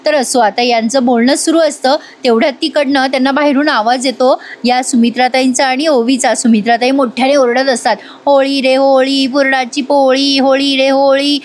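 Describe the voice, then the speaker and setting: A woman narrating a voice-over recap of a TV serial episode in a chatty way, addressing viewers directly. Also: sits high. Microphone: voice-over recording.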